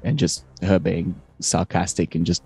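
A man co-hosting a film podcast in casual chat, hesitant and filling pauses with ums and uhs. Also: sits low, vocal fry, a little mellow, slightly rough. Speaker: podcast co-host.

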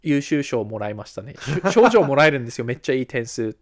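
A man co-hosting a casual podcast, relaxed and teasing, now and then slipping into English phrases. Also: medium pitch, fast. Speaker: podcast co-host.

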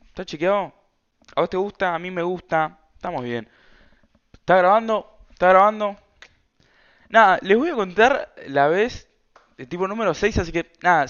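A man's voice: high-pitched, fairly bright tone, lo-fi sound. Chatty young Argentine guy, slangy. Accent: Argentine Rioplatense Spanish. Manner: rambling, slang-heavy, chatty. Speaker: podcast host. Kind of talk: casual storytelling podcast. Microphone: self-recorded camera setup.

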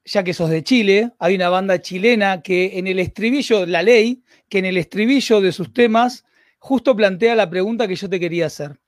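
A man's voice: sits high, moderate pace, dry recording, studio quality. A man with a Rioplatense Spanish accent hosting a live interview, chatting and reading out viewer comments. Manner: conversational, reads viewer comments. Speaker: host.

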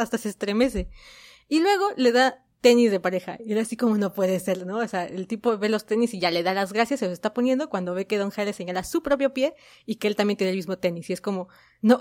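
Excited woman gushing as a fan. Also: mid-range voice, no room sound, clean studio sound. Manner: gushing, excited, acts out quotes. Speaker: K-pop fan vlogger. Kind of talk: casual fan commentary monologue.

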